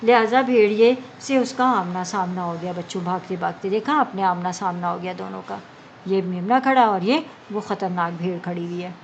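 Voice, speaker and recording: A woman teacher reads a story to young pupils, explaining each line in simple words. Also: medium pitch. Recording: dull lo-fi recording with faint background hum.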